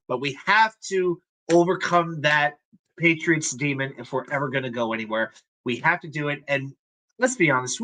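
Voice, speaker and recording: Bright-voiced man hosting sports talk. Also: fairly high pitch. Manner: chatty, hesitant with many fillers. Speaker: sports show host. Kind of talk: live-stream sports talk.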